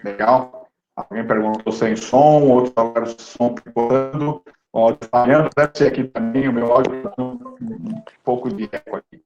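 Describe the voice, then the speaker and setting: A man's voice: medium pitch, animated, normal speed. A man leads an online lecture through a computer mic. His audio is choppy and keeps breaking up, and it sounds dull and lo-fi with faint music underneath. He talks hesitantly, repeating words as he thinks. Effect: choppy online-call audio breaking up and cutting out. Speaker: webinar presenter. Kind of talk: online lecture, casual explaining. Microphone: computer mic on a video call.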